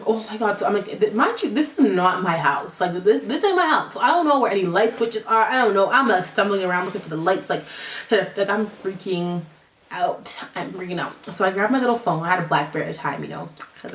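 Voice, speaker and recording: A woman of about twenty from Canada, telling a story in a casual, slangy, animated way and acting out the dialogue. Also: medium pitch. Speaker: vlogger. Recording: roomy, from a distance.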